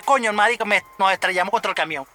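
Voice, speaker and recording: A man with a Venezuelan accent telling a story in casual chat, animated, stammering and cursing a lot. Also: high-pitched, fast talker. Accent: Venezuelan Spanish.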